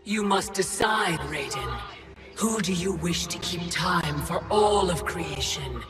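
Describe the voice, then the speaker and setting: An actress voices an ancient female Titan in a video game, a coldly menacing, persuasive villain delivering slow, formal, commanding lines. Her voice is lowish with lively intonation, heard over loud music.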